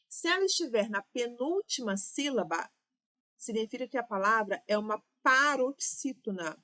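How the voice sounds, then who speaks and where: A woman's voice: a little high, fairly bright tone. A woman with a Brazilian Portuguese accent, teaching an exam-prep grammar lesson, explaining step by step and checking in with "ok?" and "né?".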